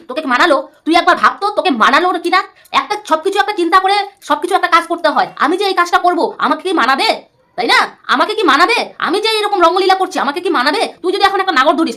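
A woman's voice: sits high, bright, forceful tone. A woman YouTuber giving an angry roast rant to her viewers, scolding and insulting and repeating herself.

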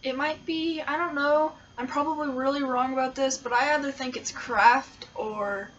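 A woman's voice: high-pitched, steady tone, moderate pace, fairly bright tone, far from the mic, dull audio. A woman co-hosting a casual taste test, chatting in a playful, giggly way. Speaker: food vlogger co-host.

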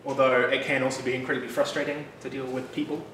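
Speaking quickly at a medium pitch, a New Zealand developer in his thirties presents a casual technical talk at a meetup, chatty and relaxed with many fillers and asides. The room is a bright, loft-like office with an audience. A room mic picks him up from a distance, so the recording is echoey with background noise.

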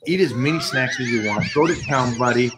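A man's voice: medium pitch, brisk, background noise. A man co-hosting a live question-and-answer show, teasing and motivational, talking into a desk mic in a studio. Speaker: co-host. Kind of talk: live Q&A chat. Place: studio set with backdrop. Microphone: desk microphone.

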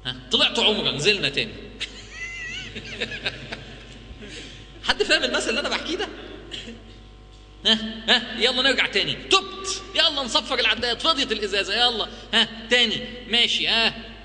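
An Egyptian man preaches to a gathered audience, his voice high, bright and piercing. He throws out rhetorical questions with lively swings of pitch. The sound carries the long echo of a big hall with a faint hum underneath. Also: fast. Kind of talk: religious talk to a live audience.

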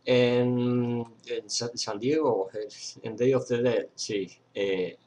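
A man's voice: mid-range voice, fairly even intonation, extremely slow, a little mellow, dull audio. A young man from Argentina with an Argentine accent, hosting a fan page in a casual webcam news chat, rambling with many fillers and restarts, indoors on a webcam mic. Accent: Argentine Spanish. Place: indoor room at a computer.

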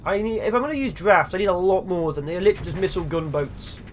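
High voiced young guy doing let's play commentary, rambles and jokes to himself, home mic. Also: fast talker, a little hiss or hum. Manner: chatty, jokey, talks to himself while playing. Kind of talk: gameplay commentary.

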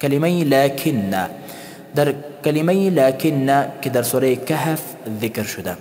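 Man, tajweed teacher, medium pitch, chants example words, long hall reverb. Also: a little mellow. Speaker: Quran recitation teacher. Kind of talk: tajweed lesson.

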